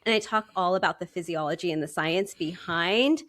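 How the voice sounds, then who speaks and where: A woman's voice: fairly low pitch, fairly quick, a bit bright, no room sound. A woman hosting an interview podcast, upbeat and conversational. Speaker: podcast host.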